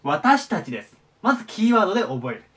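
High, lively-voiced man teaching vocabulary. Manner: repeats each word slowly and clearly; friendly polite explaining tone. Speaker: English teacher. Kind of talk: casual online vocabulary lesson. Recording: voice a bit far from the mic.

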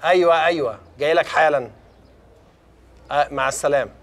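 An older man with an Egyptian Arabic accent plays an injured journalist dodging his own wedding, speaking fast, flustered, and urgent. His voice is a little high, gravelly, and a bit bright.

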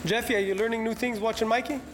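A man's voice: very high-pitched, fairly even intonation, fast. A young man co-hosting a livestream in a large boxing gym, teasing others and asking questions. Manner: teasing, asks many questions. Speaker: co-host of the livestream. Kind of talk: casual livestream chat. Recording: reverberant gym with loud background noise.

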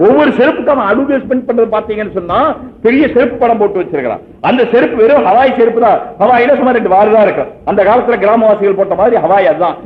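A man's voice: sits high, lively intonation, fast. A man giving an Islamic sermon, telling everyday stories in a chatty way and asking his listeners questions. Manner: conversational storytelling with rhetorical questions. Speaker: Islamic preacher. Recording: echoey, phone-like lo-fi sermon recording.

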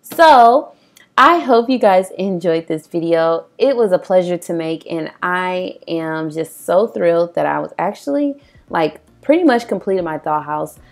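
A young woman with a tired, raspy voice, chatting enthusiastically through a doll collection tour in a voice-over, with plenty of ums. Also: fairly low pitch, expressive, unhurried. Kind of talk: casual show-and-tell narration. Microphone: voice-over, not recorded on camera. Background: soft guitar music.

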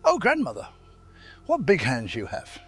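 A man voicing an innocent, trusting young girl in a fairy tale, raising his voice to a sweet childlike pitch. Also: wildly swooping pitch, moderate pace, a bit bright, husky, soft background music, heavily acted. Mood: wondering. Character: little girl in a red cap, innocent and trusting.

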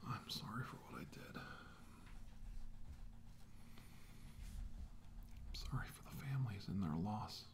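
In an ASMR drama, a middle-aged man voices a grim, remorseful military scientist, his fairly low, expressive voice moving slowly through hushed, halting short phrases that often sink to a whisper. The hushed voice sits over clear background noise.

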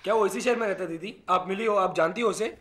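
An actor playing a concerned young family member asking quick questions in a TV serial drama. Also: male voice, sits high, lightly acted. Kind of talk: TV serial acting.

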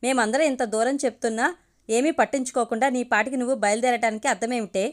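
A woman's voice: on the high side, steady tone, fast talker, natural voice. A woman voicing an angry older brother who scolds his sister harshly. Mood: scolding.

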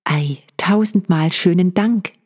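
A woman voicing a cheerful, endlessly approving farm wife in a storybook reading, with a husky voice and eager, praising talk. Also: sits low, normal speed, darkish tone, pitched above the performer's own voice. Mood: delighted.

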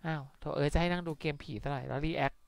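A young woman with a Thai accent chats her way through a live game stream, swapping between languages and tossing out playful curses. Her voice sits a little low and comes across smooth and clean. The sound is dry and close, with no room around it. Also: fairly even intonation, fast talker, dry recording. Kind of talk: casual live game commentary.

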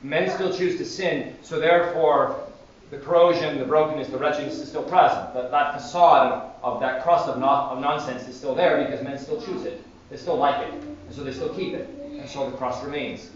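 A male priest giving a sermon in a church, telling stories with animated energy. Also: on the high side, normal speed. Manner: animated storytelling. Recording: distant echoey church, dull sound.

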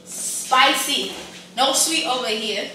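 A young woman with a fairly high voice chats in a relaxed, slangy way as she co-hosts a food vlog. She sits back from the mic in an echoey room. There is a steady noise behind her. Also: slow pace, distant mic. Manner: laid-back, slangy, draws out words. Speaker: vlog co-host. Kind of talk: casual chat.

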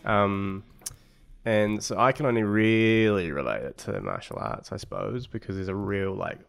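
Gravelly young man asking questions. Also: lowish voice, lively intonation, moderate pace, soft background music. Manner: curious questioner with dry jokes. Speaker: podcast host. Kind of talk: casual podcast interview. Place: small home podcast studio. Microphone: studio boom mic with headphones.

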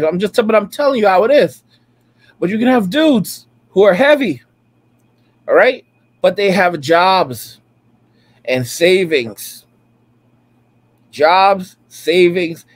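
High-voiced man ranting in commentary. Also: expressive, measured pace, long pauses, no echo. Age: late 30s. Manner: preachy, repetitive, emphatic. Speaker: reaction streamer. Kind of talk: ranting commentary over clips.

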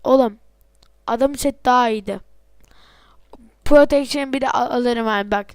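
A woman giving excitable let's-play game commentary, swearing and breaking into sudden yells, her voice off from being sick. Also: on the high side, normal speed, smooth, no echo, studio quality. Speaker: gameplay commentator.

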